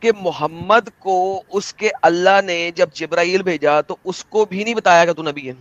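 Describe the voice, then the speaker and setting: Theatrical high-voiced man on a debate call. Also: moderate pace, fairly bright tone, no echo. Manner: theatrical, emphatic, combative. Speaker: debate host. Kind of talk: live online debate. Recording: dull lo-fi dry sound.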